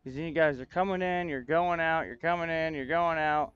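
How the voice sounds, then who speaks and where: Sorting out technical trouble on a casual livestream, a man talks to his chat with frustration, thinking aloud. His voice is on the high side, clean, fairly quick, with fairly even intonation, and the highs are cut off.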